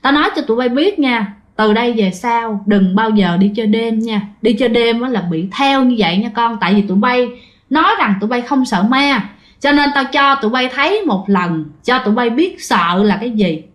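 A woman's voice: fairly high pitch, expressive, moderate pace, natural voice. A woman with a Southern Vietnamese accent voicing a stern middle-aged man who lectures a group of kids. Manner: scolding, lecturing.

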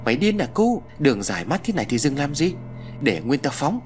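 A man's voice: fairly low pitch, very animated, moderate pace, soft background music. A man voicing his reckless young friend in an audiobook story. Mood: brash. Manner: rough, swaggering, later shaken.

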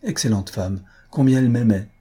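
A man reading an audiobook, voicing an impetuous, remorseful young gentleman who speaks in an impassioned, earnest and pleading way. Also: medium pitch, fairly quick, husky, lightly acted.

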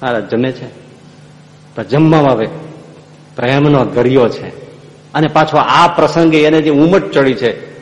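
A man's voice: medium pitch, a little slow, pauses often, big-room sound, dull audio. A man telling a devotional story as a sermon, acting out the dialogue and singing snatches of song. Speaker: preacher.

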